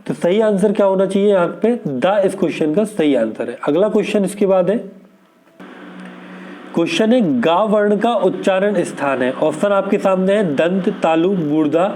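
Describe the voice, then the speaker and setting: A man's voice: high-pitched, dark tone. A man teaching an exam prep lesson, going through questions steadily and asking and answering his own questions.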